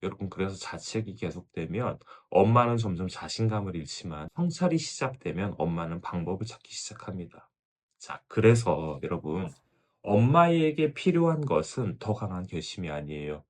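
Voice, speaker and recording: Lively low-voiced male parenting lecturer. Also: normal speed. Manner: addresses viewers directly, often starting with "자, 여러분"; acts out a mother's inner thoughts as quotes. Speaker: parenting educator.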